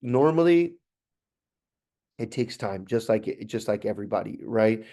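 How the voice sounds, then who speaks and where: A man's voice: lowish voice, lively intonation, a little slow, mellow. A man giving an instructional talk to staff as a trainer, conversational and plain, with frequent fillers and restarts.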